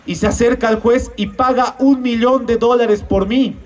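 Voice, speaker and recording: A man's voice: very high voice, fairly even intonation, normal speed, recorded from a distance. A man preaching an evangelistic sermon in a church, posing rhetorical questions and calling his listeners brothers and sisters.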